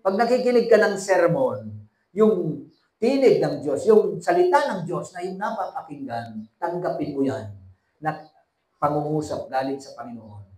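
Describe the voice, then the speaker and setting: Echoey preacher man. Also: a little high. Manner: preaching with call-and-response to the congregation; switching between hushed and raised emphatic delivery. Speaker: pastor. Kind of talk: sermon.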